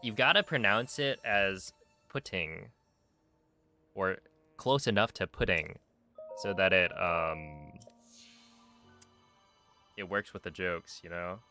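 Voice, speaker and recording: A man's voice: low voice, slow, pauses often, pushed and bright, faint music behind. A man streaming a speedrun, chatting casually and easygoingly while reacting to his viewers' messages. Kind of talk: casual live-stream chat.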